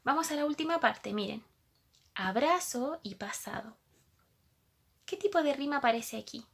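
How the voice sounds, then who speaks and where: A woman's voice: sits high, lively intonation, normal speed, creaky. A woman teacher, patiently explaining a lesson to young pupils and asking them questions as she goes.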